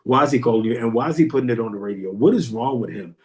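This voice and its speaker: A man's voice: medium pitch, rapid-fire, pitched below the performer's own voice, natural voice. A man voicing an irate middle-aged mother who scolds her son and replaces her curses with "bleep", in a ranting delivery. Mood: scolding.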